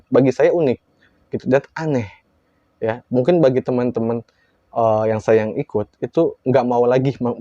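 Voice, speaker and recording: A man telling a horror story in a casual, lively way, acting out quoted lines with big jumps in his voice. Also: medium pitch, dry recording, lo-fi sound.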